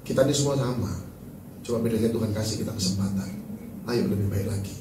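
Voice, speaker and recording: A man preaching a sermon as pastor, animated and joking, then dropping to soft, tearful tones. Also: fairly low pitch, quick pace, background noise. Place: large church hall. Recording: echoey church hall from far off.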